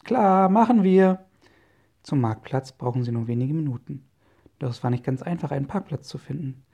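A man narrating a children's adventure story in a steady storytelling manner. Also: mid-range voice, a little fast, gravelly, slightly rough, highs cut off. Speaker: audiobook narrator.

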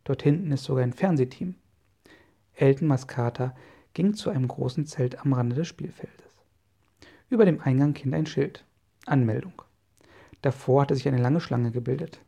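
A man narrating a children's adventure story in a steady storytelling manner. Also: medium pitch, moderate pace, gravelly. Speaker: audiobook narrator.

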